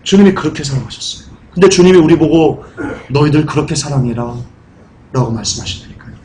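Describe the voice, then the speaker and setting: A man preaching a sermon in a church, asking the congregation questions and rising into high, pleading cries. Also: lively intonation, fast, a little mellow. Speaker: pastor. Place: church sanctuary.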